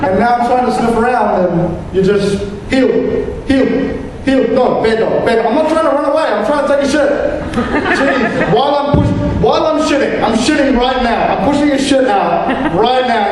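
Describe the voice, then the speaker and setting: A man's voice: very high-pitched, slight background noise. Casting note: young male comic from New Zealand, rambling set with many restarts, heard in a roomy hall with a long tail. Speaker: stand-up comedian. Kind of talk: stand-up comedy set. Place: comedy venue stage. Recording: echoey hall, mic picked up from a distance.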